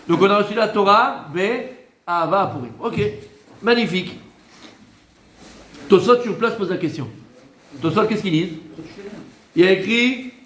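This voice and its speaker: A man, a rabbi, giving a Torah lesson in a lively way, teasing his listeners with joking asides. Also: sits high, reverberant, slight background noise.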